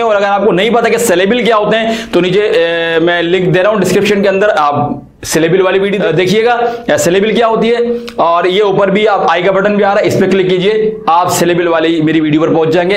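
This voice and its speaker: A man's voice: sits high, brisk, few pauses, echoey room. A man teaching an English grammar lesson in a casual, chatty way, asking rhetorical questions.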